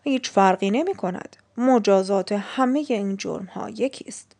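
A man's voice: high-pitched, vocal fry, a little mellow. Woman reading a sly eager father-in-law. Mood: dismissive. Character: sly father desperate to marry off daughters.

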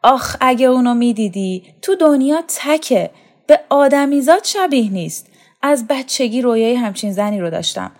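A woman's voice: on the high side, animated, darkish tone, pitched above the performer's own voice. Woman putting on a desperate lovesick young man. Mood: yearning. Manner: impassioned, pleading, raised voice. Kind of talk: storytelling reading. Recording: faint music underneath.

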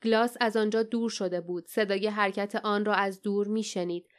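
A woman narrating a fantasy audiobook in a steady, tense storytelling manner. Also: mid-range voice.

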